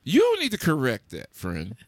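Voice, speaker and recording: Casual co-host, young man, profane and playful, very lively pitch, dry close recording. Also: normal speed, no echo. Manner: animated, teasing, profane, slangy. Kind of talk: casual banter.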